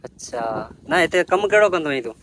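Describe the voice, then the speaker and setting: Man, slightly high voice, from Sindh, Pakistan, village vlogger, outdoor farmland, repeats answers back, faint background noise. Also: big pitch swings, brisk, fairly bright tone. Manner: asks short questions and repeats each answer back. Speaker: village vlogger interviewing workers. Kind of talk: casual interview and talk to camera.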